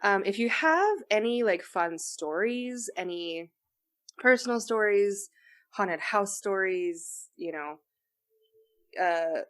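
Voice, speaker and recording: A young woman co-hosting a chatty podcast, her talk rambling and loose, full of fillers and quick giggles. Her voice sits at an ordinary middle pitch. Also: a bit bright, smooth. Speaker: podcast co-host. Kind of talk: casual chat.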